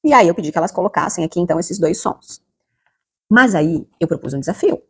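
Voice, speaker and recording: Brief: Brazilian woman educator, lowish husky voice, explanatory, lots of fillers and tag questions. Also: animated, a little fast. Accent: Brazilian Portuguese. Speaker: literacy educator. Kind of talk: instructional talk to teachers.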